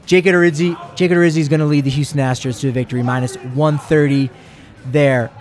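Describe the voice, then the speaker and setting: High-voiced man co-hosting a sports show. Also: steady tone, fast talker, darkish tone. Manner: chatty, rambling, jokey asides. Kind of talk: casual sports chat with sponsor plugs.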